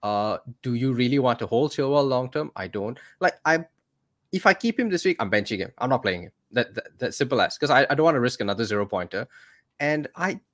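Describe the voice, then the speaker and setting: A man's voice: mid-range voice, animated, fairly quick. A man co-hosting a casual fantasy football podcast, chatty and exasperated, often calling his partner "mate". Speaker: podcast co-host. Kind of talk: casual chat.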